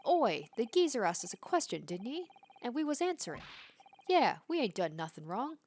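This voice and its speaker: A woman's voice: on the high side, very animated, moderate pace, a little mellow, slight background noise. A woman voicing a chummy, shifty working-class male crook from a video game, with slangy, matey talk. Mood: indignant. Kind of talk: video game character read-aloud.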